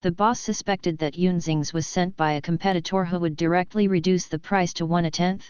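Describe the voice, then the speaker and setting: A woman narrating an audiobook novel in an even, steady reading. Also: lowish voice, a little fast, smooth, no room sound, lo-fi sound. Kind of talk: scripted narration.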